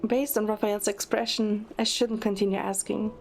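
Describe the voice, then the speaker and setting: Her voice is medium-pitched and creaky, her delivery flat and at normal speed, as she reads a scripted dramatic narration in first person. The woman is the narrator and lead of a fan audio drama, and loud music plays beneath her.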